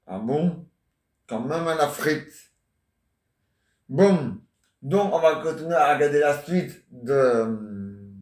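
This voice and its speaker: A man's voice: fairly high pitch, darkish tone, far from the mic. A man in his forties rambling and joking in casual chat, teasing banter. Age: 40s. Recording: echoey room.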